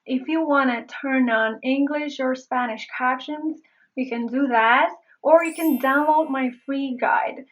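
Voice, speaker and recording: A woman accent coach teaches pronunciation in a high voice, slowly and carefully. She repeats single words to demonstrate each sound. The recording is slightly dull and muffled. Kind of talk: pronunciation lesson.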